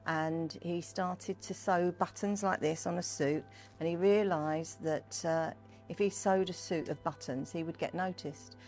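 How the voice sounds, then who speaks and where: A woman's voice: on the low side, a little mellow. An older woman, chatting in a discursive, storytelling way as she gives an informal interview. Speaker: Pearly Queen and community fundraiser, interviewee. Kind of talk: informal interview talk about history and culture.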